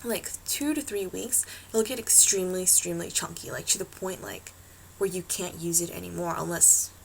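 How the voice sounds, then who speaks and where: A woman's voice: lowish voice, normal speed, gravelly, a little hiss or hum, rough recording. A woman chatting casually to her laptop webcam at home, rambling, swearing freely and filling her talk with "like" and "um". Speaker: beauty vlogger. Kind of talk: casual chat to camera.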